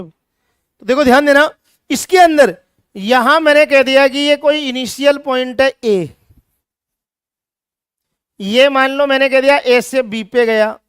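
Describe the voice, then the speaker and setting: This is a man lecturing a chemistry class with plenty of drive. His voice sits very high and rings smooth and resonant. He keeps teasing the students with rhetorical questions, and the recording is close and dry. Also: no echo. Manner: energetic, scolding students playfully with rhetorical questions. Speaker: chemistry teacher.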